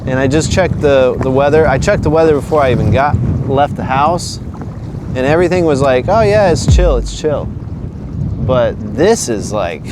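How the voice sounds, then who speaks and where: A man talks casually to his viewers as a fishing vlog host, out on open water in the wind. His pitch is middling for a man. He speaks in an informal way, as if out on a windy clifftop, exposed to the weather. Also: animated, unhurried. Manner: informal, addresses viewers as guys. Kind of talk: casual talk to camera from a kayak. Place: outdoors on open water in a kayak, strong wind at times.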